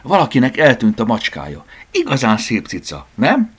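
Storybook young man, lanky and eager, excited calls, husky edge, voiced by a male narrator. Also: medium pitch, pitched above the performer's own voice. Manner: excited exclamations, raised voice.

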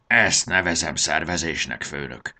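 A man's voice: extremely low pitch, bright, forceful tone, exaggerated voice. A man reading a storybook aloud and voicing a sour, grumbling helper who mutters complaints.

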